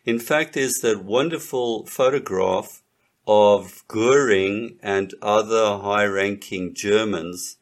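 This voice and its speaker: A man delivering a lecturing monologue in an emphatic, repetitive and contemptuous manner. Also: on the low side.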